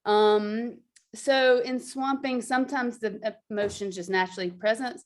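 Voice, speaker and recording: A woman's voice: fairly high pitch, steady tone, measured pace. A woman explaining a movement practice in casual chat, talking loosely with frequent fillers and laughs. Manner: chatty, laughs often, many fillers. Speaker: guest teacher.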